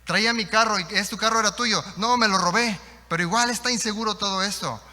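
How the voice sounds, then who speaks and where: High, whiny thief in outraged complaint, put on by a preacher, echoey hall. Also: male voice, fast, sharp tone. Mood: complaining. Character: indignant male thief complaining.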